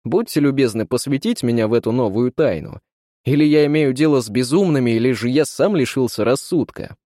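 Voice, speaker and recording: A proud young gentleman, bewildered and ironic, speaking in measured tones, as read by a man. Recorded close and dry. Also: mid-range voice, no room sound, lightly acted. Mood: tense.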